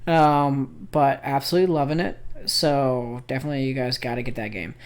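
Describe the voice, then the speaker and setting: A young man chats on a podcast in a loose, rambling way. His voice sits in a middle pitch and is full of ums and uhs. He tells stories at an easy pace. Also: fairly even intonation, brisk, clear, resonant tone. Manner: rambling storyteller with many fillers. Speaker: podcast co-host. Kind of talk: casual chat.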